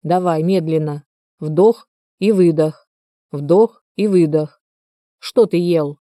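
Audiobook figure: steady, stern uncle, read by a woman in her own dark tone. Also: on the low side, dry recording, studio quality, lightly acted. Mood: calm stern. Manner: calm, measured, quietly stern. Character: calm stern older uncle, quietly authoritative.

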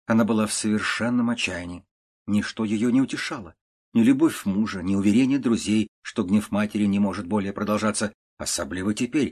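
A male narrator reads an old prose tale in a steady, measured audiobook style. His voice sits on the low side. He keeps an even storytelling pace. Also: breathy edge. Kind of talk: audiobook reading of classic prose.

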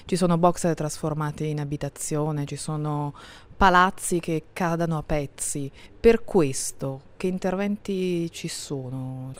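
A woman radio reporter asking direct, brisk questions on location. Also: low-pitched.

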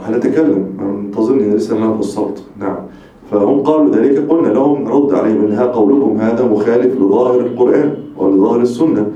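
A man teaches a religious text as a sheikh, talking quickly in a dark, mellow voice. He explains emphatically and restates his points. The sound is a dull, distant recording in a very echoey room. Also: medium pitch. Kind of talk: religious lecture.

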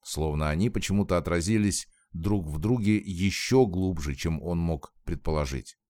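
A man narrating a novel as an audiobook in a calm, measured, expressive reading on a close mic. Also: low-pitched, no echo.

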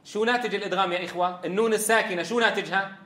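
A man's voice: high-pitched, steady tone, rapid-fire, pushed and bright, reverberant. A man teaching Quran recitation, asking students questions and demonstrating sounds. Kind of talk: tajweed lesson.

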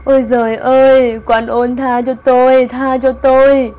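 A woman's voice: high voice, flat delivery, a little slow, dark tone. A woman voicing a wailing terrified old woman. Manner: wailing, pleading. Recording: dull lo-fi audio, voice set back from the mic.

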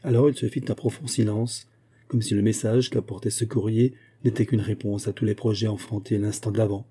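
A man reading a classic novel aloud in steady, measured narration. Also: on the low side, husky. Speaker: audiobook narrator. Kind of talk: scripted narration.

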